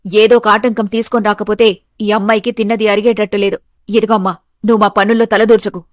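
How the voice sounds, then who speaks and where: A woman voicing a stern, bossy middle-aged mother-in-law in an animated story, with a harsh, scolding manner. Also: mid-range voice, fast talker, no echo, clean studio sound, close to an everyday voice.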